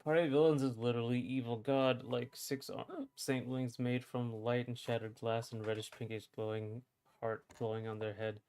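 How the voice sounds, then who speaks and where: A man's voice: medium pitch, flat delivery, normal speed, hardly any pauses, darkish tone, clear, resonant tone. A man in his thirties, hiccuping through a casual livestream chat, reading chat aloud with wry, blunt remarks. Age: 30s.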